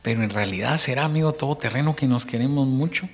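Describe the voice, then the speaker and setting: A man's voice: mid-range voice, fast talker. Middle-aged male host, preachy. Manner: preachy, addresses listener directly, acts out little quotes.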